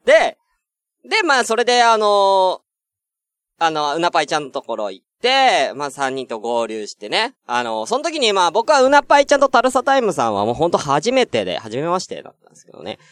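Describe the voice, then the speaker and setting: A man hosting a podcast, telling a personal story in loose, filler-heavy chat and acting out the other people's lines. His voice sits a bit high and swings widely in pitch. The recording is dry and close, with no room sound. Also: wildly swooping pitch, fairly quick, a bit bright, clear, resonant tone, no room sound. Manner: chatty storytelling, many fillers, acts out quoted exchanges. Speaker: podcast host.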